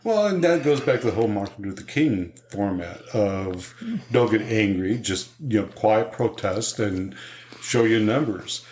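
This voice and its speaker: A man in his sixties speaking as a podcast guest in a panel discussion, making measured, emphatic points. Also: lowish voice, lively intonation, a little mellow. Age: 60s. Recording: roomy echo.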